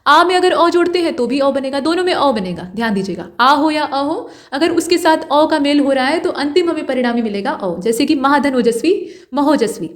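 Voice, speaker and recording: A woman's voice: high voice, normal speed. A woman teaching a grammar lesson for exam preparation, explaining step by step and repeating key points.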